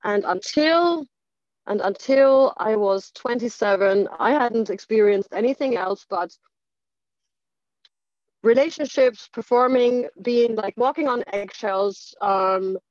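A German woman with a fairly high, slightly mellow voice tells her personal story openly. She halts a lot, using "like" frequently and restarting sentences, in a dull, lo-fi, dry recording.

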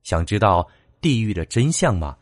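A man narrating classic ghost tales in a dramatic, expressive storytelling style. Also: normal speed, dry recording, clean studio sound. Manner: expressive, swinging pitch for drama.

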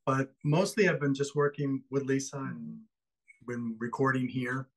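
Relaxed man from Ecuador. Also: mid-range voice, unhurried, rough recording. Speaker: musician, interview guest. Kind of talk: casual interview conversation.

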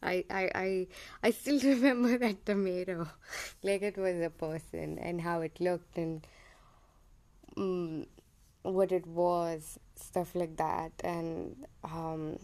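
A young woman hosting her own podcast speaks slowly and steadily in a fairly low, darkish voice. Originally from India, she has an Indian English accent that leans toward American. Her personal monologue is hesitant, with plenty of ums and self-corrections.

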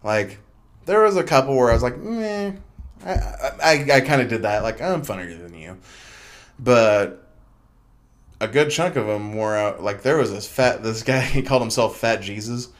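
In a casual solo podcast monologue, a young male host with a mid-range voice and moderate pace chats freely, rambling along and filling his speech with fillers and restarts.

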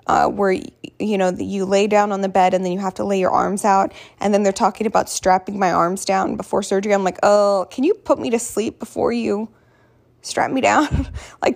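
A woman talks casually as if recounting her day to a friend. Her voice is hoarse, with plenty of creaky fry at an average pitch. She rambles candidly and pokes fun at herself as she goes. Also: darkish tone. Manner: candid, rambling, self-deprecating, quotes others in dialogue. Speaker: vlogger. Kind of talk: casual personal storytelling.

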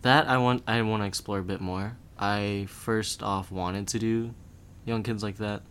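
A young man talks in a low voice, loose and rambling, his sentences full of "like" and "um." Faint hiss sits under the recording. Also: measured pace. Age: young adult. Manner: relaxed, rambling, full of filler words. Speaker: guest. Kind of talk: casual podcast chat.

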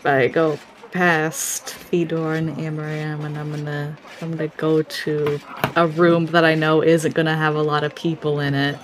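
A woman playing a tabletop role-playing game, describing her character's actions step by step in a measured way. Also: sits low, level tone, a little hiss or hum.

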